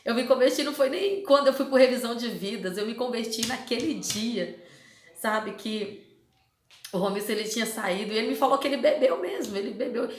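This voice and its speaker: A woman's voice: on the high side, fairly quick. Emotional woman testifying in an echoey hall. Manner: emotional, repeats phrases for emphasis. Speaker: church member giving testimony. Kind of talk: personal religious testimony.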